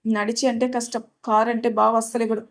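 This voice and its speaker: A woman reading a gentle, put-upon young wife. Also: a little high, flat delivery, fast talker, close to an everyday voice. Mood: plain. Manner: soft, polite, pleading.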